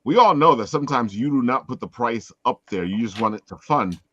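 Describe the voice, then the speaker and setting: A man with a mid-range, slightly bright voice and lively intonation hosts a casual livestream chat promoting crowdfunding projects, speaking fairly quickly. He rambles informally and giggles easily, and the lo-fi call audio sounds slightly dull.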